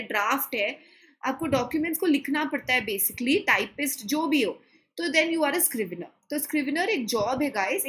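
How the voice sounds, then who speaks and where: Indian English woman, young adult, high voice, online vocab teacher who mixes Hindi and English and keeps asking "clear, guys?". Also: fairly bright tone, low-quality recording. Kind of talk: online lesson.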